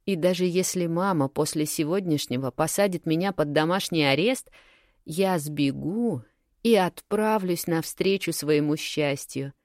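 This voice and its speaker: A woman reads a first-person story for an audiobook with lively, expressive telling. Her voice sits fairly low, and the recording is dry and close, with no room sound. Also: measured pace, no echo. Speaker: audiobook narrator.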